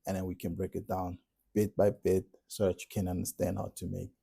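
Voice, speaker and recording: A man from South Africa with a South African accent, calmly walking through how he builds a track, step by step, in a casual tutorial. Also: sits low, fairly quick, vocal fry, heavy background noise. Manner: relaxed step-by-step explaining. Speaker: music producer tutorial host. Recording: music playing in the background.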